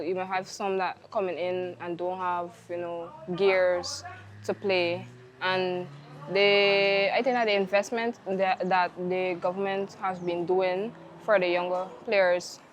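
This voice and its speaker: A Guyanese woman cricketer giving an interview outdoors, thinking aloud in an unhurried way. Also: medium pitch, muffled recording, a little hiss or hum. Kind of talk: casual interview answer.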